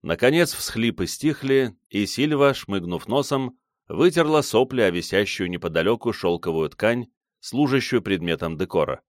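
A man giving expressive first-person audiobook narration. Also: fairly low pitch, moderate pace, no echo, studio quality.

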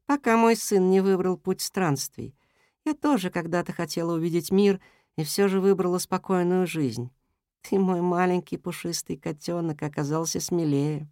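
A storyteller voicing a slender, tender mother cat in a children's audiobook, speaking softly. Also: medium pitch, normal speed, no room sound, studio quality, close to an everyday voice. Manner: soft and tender. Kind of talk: storybook reading.

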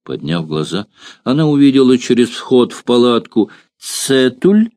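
A man narrating a historical novel as an audiobook, in a measured, dramatic reading. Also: medium pitch, big pitch swings, warm tone, no echo. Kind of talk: literary narration.

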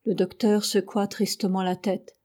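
A woman narrating a classic novel as an audiobook, in a measured, even storytelling manner. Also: medium pitch. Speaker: audiobook reader.

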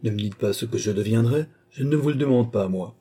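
A man's voice: medium pitch, a little fast, dark tone, husky, close to an everyday voice. A man doing a trembling, fearful old man. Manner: pleading, trembling.

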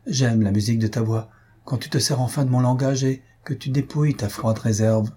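A man's voice: mid-range voice, steady tone, brisk, dark tone, husky, lightly acted. A man voicing an emotional young countess who pleads in a raised, lilting voice, read from a classic novel. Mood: tender. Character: young countess, tender, tearful, highly emotional.

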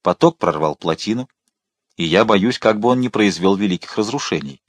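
A shrewd, confident churchman from a historical audiobook, read by a man. He speaks with calm assurance. The voice sits low and dry, close up. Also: moderate pace, no room sound. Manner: self-assured, loud proclamations.

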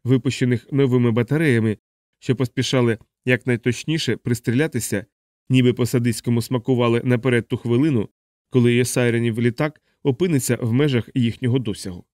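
A man's voice: medium pitch, fairly even intonation, fast talker, darkish tone, no echo. Man narrating an audiobook, dry sound.

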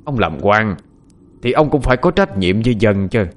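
A man's voice: on the low side, expressive, moderate pace, close to an everyday voice. A man voicing a cruel, lecherous village official who orders people around and coaxes with false sweetness. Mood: wheedling. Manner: domineering, threatening, then falsely sweet.

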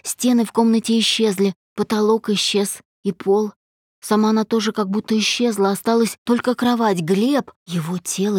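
A woman narrating an audiobook in a calm, even, intimate reading. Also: mid-range voice, no echo, studio quality.

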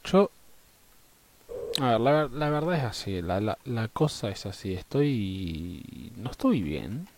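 A man with an Argentine Spanish accent, hungover and groggy, chatting casually and swearing on a gaming stream, halting and repeating his words. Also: on the low side, big pitch swings, background noise. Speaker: live streamer.

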